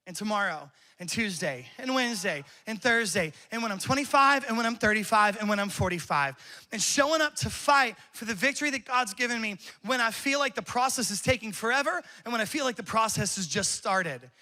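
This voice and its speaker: A male pastor in his thirties delivers a sermon in a strikingly high, bright voice with a sharp, forward edge. He talks in a loose, conversational storytelling way and often breaks into laughter. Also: animated, a little fast. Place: church campus.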